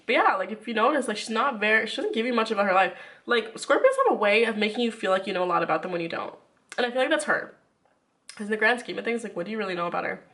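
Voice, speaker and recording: A woman's voice: medium pitch, fairly bright tone. Casual, rambling woman with a runny nose. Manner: informal, rambling, frequent filler "like". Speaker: YouTuber. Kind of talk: casual chatty commentary to viewers.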